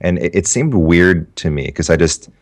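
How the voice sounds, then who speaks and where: In casual interview talk, a guest writer in his thirties, originally a Japanese speaker, rambles through his story with many restarts. He has a deep voice and sounds animated, speaking at a moderate pace.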